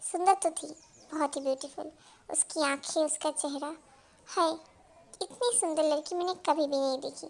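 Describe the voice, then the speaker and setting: A woman voicing a charming young man in a fan-dubbed drama speaks softly and dreamily. The voice sits very high for a man. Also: normal speed. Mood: dreamy.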